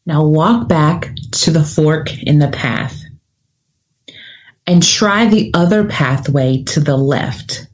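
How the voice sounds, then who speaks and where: A woman coach leading a guided visualisation like a sleep story narrator, calm and soothing, with long deliberate pauses. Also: sits low, low-quality recording. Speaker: podcast host and career coach.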